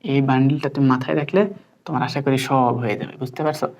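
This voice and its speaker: Fast-talking low-voiced woman teacher. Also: fairly even intonation, a little mellow, muffled recording. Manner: quizzing, coaxing, checks understanding constantly. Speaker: chemistry teacher. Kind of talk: interactive tutoring lesson.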